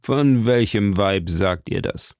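A man voicing a powerful, scheming old cardinal who speaks slowly and probingly. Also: lowish voice, a little mellow, clear, resonant tone, dry recording, studio quality. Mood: startled. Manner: slow, measured, probing.

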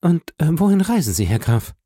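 A man's voice: a little high, sing-song, brisk, dark tone, husky, dry recording, studio quality, voice pushed up. A man reading an audiobook, voicing a distraught young woman who pleads and exclaims. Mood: pleading. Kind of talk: audiobook character voice.

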